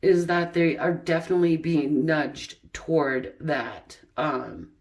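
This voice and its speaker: A woman's voice: low-pitched, slow, darkish tone. A woman giving a pick-a-card tarot reading in a chatty way, with many fillers and laughing at the cards. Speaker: tarot reader.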